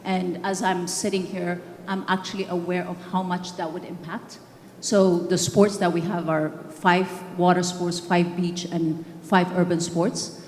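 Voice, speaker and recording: This panelist, a games organizer from Ethiopia in middle age, talks unhurriedly in a level, slightly mellow voice on the low side, with frequent fillers and restarts. She speaks earnestly from a conference hall stage through a handheld mic. The recording has some hiss or hum, an echoey room and faint background ambience.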